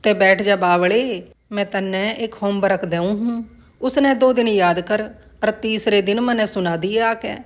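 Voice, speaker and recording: A woman's voice: medium pitch, a little slow, natural voice. A woman voicing a blunt, teasing old village man who talks in rustic dialect.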